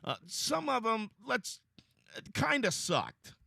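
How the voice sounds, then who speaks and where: A man's voice: very high-pitched, very animated, takes it slowly, vocal fry, pushed and bright, no room sound, studio quality. A man hosting a conversational interview in an eager, agreeable, joking way. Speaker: interviewer, program host.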